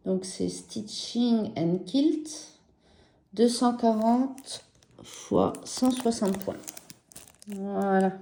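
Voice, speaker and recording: Slow, soft-spoken French woman, echoey room. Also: medium pitch. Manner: slow, gentle and enthusiastic, with many fillers. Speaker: embroidery vlogger. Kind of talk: casual show-and-tell vlog.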